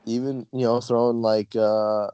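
A man's voice: mid-range voice, little pitch movement, a little slow, dark tone, clean tone, no echo, lo-fi sound. A man in casual podcast chat, laid-back and slangy, often restarting his sentences. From Long Island. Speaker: podcast co-host.

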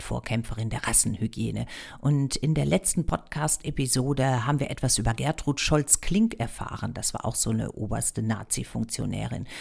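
Husky woman doing a history podcast, wry, voice goes all over with some creak. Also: rumbling low, darkish tone. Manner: wry, ironic emphasis. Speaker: podcast host. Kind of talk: explanatory history podcast narration.

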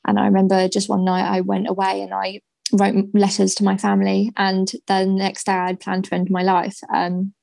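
A woman in her twenties telling her own story as a podcast guest, slow and hesitant with many ums. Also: medium pitch, monotone, vocal fry, warm tone, dry recording. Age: 20s. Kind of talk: candid personal story in a podcast interview.

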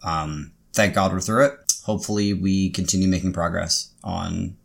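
Male co-host, American, low-pitched with plenty of fry, dry and relaxed conversational read. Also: moderate pace. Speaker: podcast co-host. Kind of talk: casual podcast chat.

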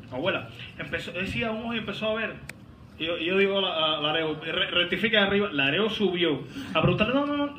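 A man preaching a sermon as pastor, fervent, with sudden shouts and teasing asides. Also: high-pitched. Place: large hall, voice heard from a distance. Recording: echoey hall, distant mic, background noise.

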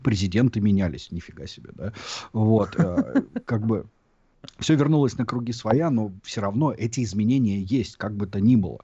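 In a dull, lo-fi recording, a Russian-born man who lives abroad and runs a YouTube channel talks casually, reflecting and explaining at length with frequent fillers. His voice is on the low side and expressive, warm with a breathy edge, at a moderate pace.

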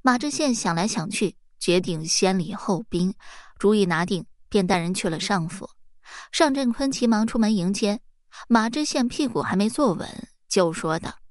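A woman's voice: medium pitch, lively intonation, moderate pace, no echo, studio quality. A woman narrating a folk tale, acting out the characters' lines with small shifts in her voice. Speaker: storyteller.

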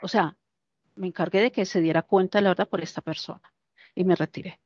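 A woman casually recounting a personal story, lively and animated, acting out the lines of the people in it. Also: lowish voice, brisk, no room sound. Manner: animated, acts out quoted dialogue. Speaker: interviewee. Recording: dull, dry lo-fi recording.

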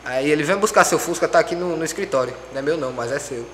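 A young man telling a story in casual chat, animated and acting out quoted dialogue. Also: on the high side, racing. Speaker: podcast guest. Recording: echoey room with faint background noise.

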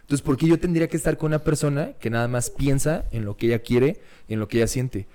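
Slangy young Mexican man, mellow voice. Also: medium pitch, fast. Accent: Mexican Spanish. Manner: slangy, emphatic, peppers speech with swearing. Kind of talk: casual chat.

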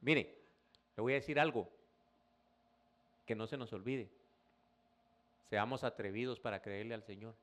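A man's voice: fairly low pitch, unhurried, pauses often, a bit bright. A male pastor preaching a sermon in a conversational way, often addressing the listener as brother and rising into emphatic bursts.

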